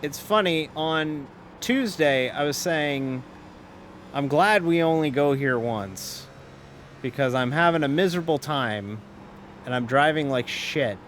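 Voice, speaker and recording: Slight background noise sits under a man's fairly bright, higher-than-average voice as he streams a sim race. He chats casually and rambles between driving calls, restarting his sentences often, interrupting himself and laughing readily.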